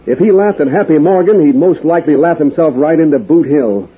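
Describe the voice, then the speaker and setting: An actor playing a worried, folksy small-town sheriff, in 1940s radio acting. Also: male voice, fairly high pitch, animated, a little fast, slightly rough. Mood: earnest. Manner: folksy, earnest. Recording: tinny old radio broadcast.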